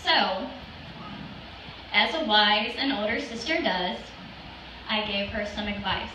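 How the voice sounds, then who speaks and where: A woman's voice: mid-range voice, slow, pushed and bright, far from the mic, a little hiss or hum. A young woman giving a wedding speech as matron of honor, partly reading from notes over a microphone. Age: young adult. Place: open-sided wedding reception tent. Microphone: stand microphone through PA, filmed by audience phone. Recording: echoey PA heard from off, faint music.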